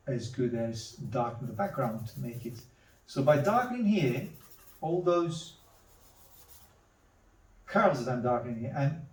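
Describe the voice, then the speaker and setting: A man demonstrating charcoal drawing, talking slowly to himself as he works and repeating words under his breath. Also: medium pitch, darkish tone. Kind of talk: thinking-aloud drawing demonstration. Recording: roomy, mic at a distance.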